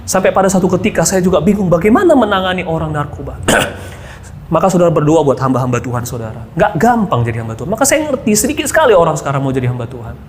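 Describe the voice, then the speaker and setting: A man preaching a sermon, often calling out to the congregation and dropping to quiet asides. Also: on the high side, very animated, fast talker, slight background noise. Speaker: pastor. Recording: long hall reverb, faint background ambience.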